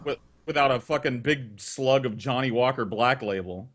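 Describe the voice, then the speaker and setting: Hosting a casual storytelling talk show, a man with a mid-range, slightly bright voice speaks at a moderate pace. He tells stories and banters with the group, teasing them crudely and profanely.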